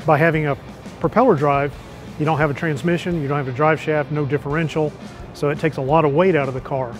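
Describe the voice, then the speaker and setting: A middle-aged museum manager explaining an old car, knowledgeable and matter-of-fact, in a large museum hall on a lapel mic. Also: male voice, on the high side, steady tone, fast talker, soft background music. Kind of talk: explaining to an interviewer.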